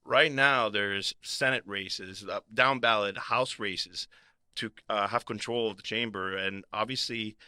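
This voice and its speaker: A man's voice: fairly low pitch, fairly even intonation, measured pace, pushed and bright, clear, resonant tone, no room sound. A man born in Puerto Rico and raised in Florida, co-hosting a podcast, talking in an earnest way and often restarting his sentences. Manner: earnest, restarts and repeats words. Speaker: podcast co-host. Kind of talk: conversational advocacy discussion.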